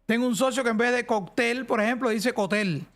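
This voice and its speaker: A man's voice: very high voice, little pitch movement, quick pace, a bit bright. A man with a central Cuban accent, chatting casually and rambling on a live game stream. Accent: central Cuban Spanish. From central Cuba. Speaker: streamer host.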